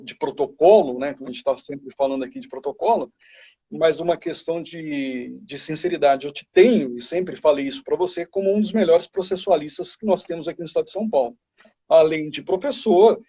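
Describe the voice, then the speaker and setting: Um advogado brasileiro convidado numa live, explicando de forma enfática e didática. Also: male voice, a little high, warm tone, slightly rough. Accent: Brazilian. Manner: emphatic, explanatory. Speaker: guest criminal lawyer. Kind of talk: live video chat. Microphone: video call. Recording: lo-fi livestream audio.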